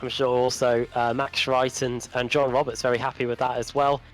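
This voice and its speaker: A man's voice: mid-range voice, little pitch movement, a little fast, low-quality recording. Male motorsport presenter over faint guitar music. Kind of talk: broadcast race preview.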